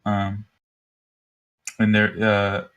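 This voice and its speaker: Rambling low-voiced male game master. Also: completely flat delivery, drawn-out words, fairly bright tone, smooth, lo-fi sound. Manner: loose, rambling narration with many fillers. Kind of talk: narrating a tabletop game over voice chat.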